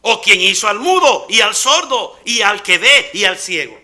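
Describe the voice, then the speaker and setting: A male pastor delivers a sermon with a very high, bright, piercing voice. He preaches emphatically, firing off rhetorical questions and slipping into acted-out dialogue. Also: very animated, normal speed.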